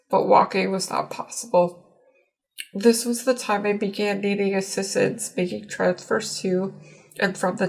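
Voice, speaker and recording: A woman's voice: medium pitch, creaky. A woman in her forties reading prepared personal testimony, her voice muffled by ventilation as if her mouth were covered. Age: 40s. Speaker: patient giving testimony.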